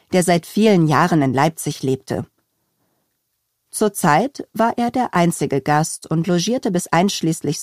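Low, dry-voiced woman reading a story. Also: a little mellow, no echo. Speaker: audiobook narrator. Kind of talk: scripted narration.

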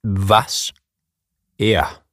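A man's voice: on the low side, level tone, very slow, fairly bright tone, no echo. A man voicing a cocky young friend who teases and gloats, in a dry audiobook reading. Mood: curious. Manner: teasing, gloating.

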